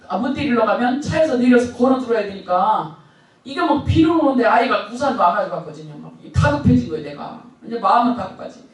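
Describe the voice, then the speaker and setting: A man's voice: sits high, recorded from a distance. A male pastor preaching a Sunday sermon, telling a story with emphatic swings and laughter. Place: church sanctuary. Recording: echoey church hall, speaker off-mic.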